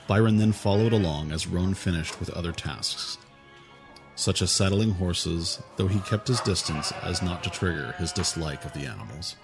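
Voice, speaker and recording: A man with a very deep voice narrates fantasy fiction at a normal speed. It's a scripted audiobook reading, with faint music playing behind him.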